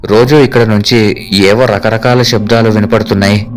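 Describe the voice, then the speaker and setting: A man's voice: on the low side, fairly even intonation, normal speed, slight background noise, natural voice. A man voicing a curious, uneasy young man in a horror story, speaking in a questioning way. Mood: explaining.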